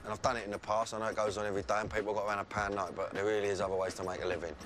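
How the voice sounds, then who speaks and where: Casting: London bloke, slangy and matey street-seller type, lower register, over music. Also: male voice, flat delivery, racing, a bit bright. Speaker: presenter posing as a street seller. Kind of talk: casual street patter.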